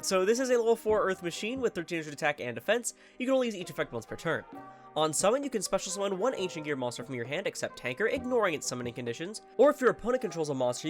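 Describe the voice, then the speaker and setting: Fast-talking congested man. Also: sits high. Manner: rambling, self-correcting, casual swearing. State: congested, nasal from a head cold. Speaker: card game YouTuber. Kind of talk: casual video commentary.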